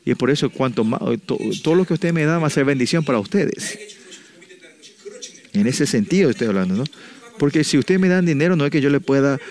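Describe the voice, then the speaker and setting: A man's voice: fairly high pitch, lively intonation, darkish tone. A male pastor giving a sermon who keeps closing his phrases with a questioning "no?" and often stops to restart a sentence. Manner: ends phrases with a questioning "no?" tag, halting restarts.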